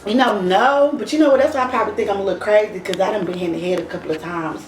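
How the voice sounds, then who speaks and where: As an interview guest, a young woman from Oklahoma talks very fast in a mid-range voice about her tough history, frank, casual, and full of swearing. A distant mic catches her off-axis in an echoey room, with slight background noise and faint music.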